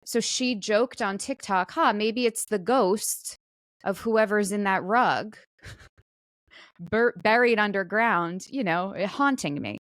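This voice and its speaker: Taking it slowly in a bit bright, mid-range voice, a talk show co-host casually retells a viral story, acting out quotes as she goes in a conversational, storytelling style full of quoted asides. The audio is studio quality with no room sound.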